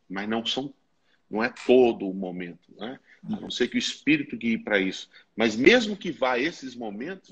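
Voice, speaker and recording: A man, a pastor and musician, teaches through a conversation, laying out his points one by one. His voice is husky and sits at a middle pitch. The audio is slightly dull and lo-fi. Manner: earnest, explaining step by step.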